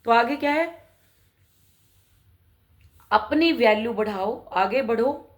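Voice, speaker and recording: A woman's voice: a little high, expressive, takes it slowly. A middle-aged woman talking as a spiritual mentor, urging her listeners on with rhetorical questions and repeated calls to keep going. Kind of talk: motivational spiritual talk.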